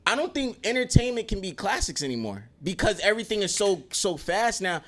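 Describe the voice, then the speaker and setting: Podcast co-host, male, high voice, animated and blunt, laughs a lot. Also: fairly quick. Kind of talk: casual chat.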